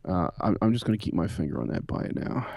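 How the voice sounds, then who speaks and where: A man's voice: low-pitched, lively intonation, fast, creaky, darkish tone, slight background noise. A man co-hosting a podcast, chatting casually and rambling with many fillers about vintage computers. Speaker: podcast co-host.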